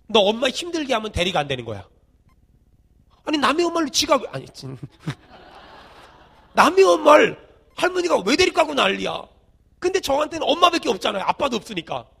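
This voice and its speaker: A middle-aged man preaching a sermon as senior pastor, with a folksy, colloquial way of telling stories. He leads the congregation in call-and-response and swings from shouted emphasis to quiet, low asides. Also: vocal fry, husky.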